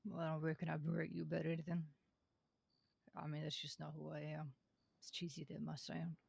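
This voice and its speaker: Man playing a gravelly, earnest young lawman. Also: fairly high pitch, monotone, fairly quick, darkish tone, no echo, exaggerated voice. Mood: plain, polite. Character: young Western lawman, son of a reformed outlaw, earnest. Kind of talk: improvised Western role-play.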